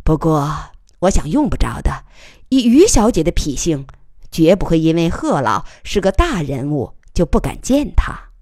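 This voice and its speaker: A woman voicing an even-tempered, wry young plainclothes policeman in a storybook reading. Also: sits low, normal speed, no echo, studio quality, full character voice. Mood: calm, wry. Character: calm, smooth-talking young plainclothes policeman.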